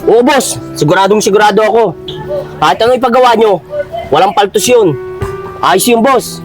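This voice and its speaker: An eager, fawning henchman, voiced by a man in a comic cartoon, with a slightly high voice. Clear music plays behind him. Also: animated, moderate pace, poor audio. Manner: eager, deferential. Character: eager loyal henchman, fawning to his boss.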